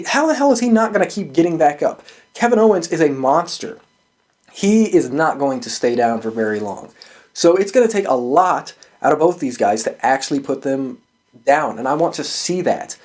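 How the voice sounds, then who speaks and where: Hosting a wrestling prediction show, this man speaks with a fairly high pitch and a darkish tone. He offers casual, opinionated sports takes, swearing freely and stressing his points hard.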